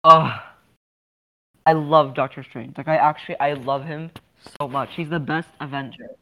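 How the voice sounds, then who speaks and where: A woman's voice: deep voice, fairly even intonation, normal speed, a bit bright, a little hiss or hum, low-quality recording. A young woman asking the questions in a casual online chat, giggly and gushing, over voice chat. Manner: giggly, bubbly, gushes. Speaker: question asker.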